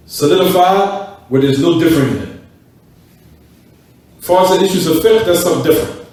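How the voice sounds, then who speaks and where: A man's voice: a little high, darkish tone. Man, classroom lecture, repeats words, quizzes students, very echoey room, distant mic. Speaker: teacher of an Islamic class. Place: mosque classroom.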